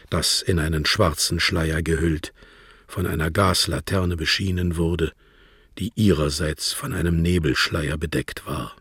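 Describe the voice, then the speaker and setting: Man slowly reading a novel, calm and measured, very deep voice, dry sound. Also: slightly rough, no room sound. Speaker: narrator. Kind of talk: audiobook reading.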